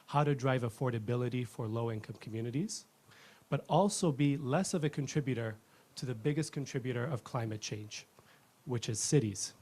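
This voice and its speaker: An Ethiopian man in his thirties delivers a rehearsed company founder's pitch, earnest and fluent, in a warm-toned voice.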